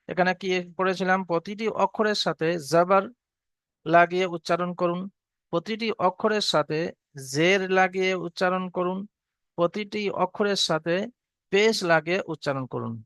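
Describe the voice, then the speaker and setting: A man teaching a slow recorded lesson, drawing out each letter and vowel mark for students to repeat. His voice sits high and sounds smooth and clear. The sound is close and dry. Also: fairly bright tone, no room sound. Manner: patient, repetitive drilling with call-and-repeat; clears throat often. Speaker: Quran reading teacher.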